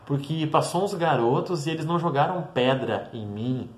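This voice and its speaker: A man's voice: a little high, animated, normal speed, natural voice. A man voicing a humble, cheerful homeless man who effusively thanks someone, in a roomy, echoey room. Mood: grateful.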